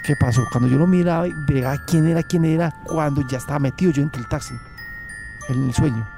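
A Colombian man telling his own story in a halting way, often restarting his sentences and acting out what people said. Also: on the high side, vocal fry, over music. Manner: halting, with restarts and acted quotes. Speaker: interviewee. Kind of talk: personal storytelling.

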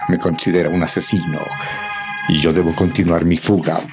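Man playing very deep-voiced wounded hero Kalimán. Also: little pitch movement, normal speed, natural voice. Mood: resolute. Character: wounded heroic male fugitive, proud, defiant, protesting innocence. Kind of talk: radio serial melodrama acting. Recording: dramatic music behind the voice.

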